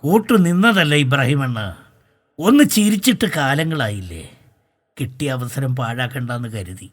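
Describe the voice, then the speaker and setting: A young man on stage playing a sharp-tongued old-age home resident who mocks a neglectful son. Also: mid-range voice, animated, moderate pace, close to an everyday voice. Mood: sarcastic. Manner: sarcastic, mocking. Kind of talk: stage comedy drama.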